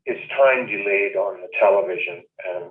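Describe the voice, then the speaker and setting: A man's voice: low voice, moderate pace. A man calling in to a public hearing, heard through a speakerphone, who talks hesitantly and repeats himself as he stammers. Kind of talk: casual phone call. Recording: muffled speakerphone in echoey room.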